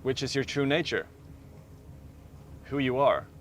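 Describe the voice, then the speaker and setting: A man leads a guided meditation in a calm, soft-spoken way. He talks slowly and leaves long pauses between phrases. His voice sits at an ordinary pitch for a man. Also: a little hiss or hum. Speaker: meditation teacher.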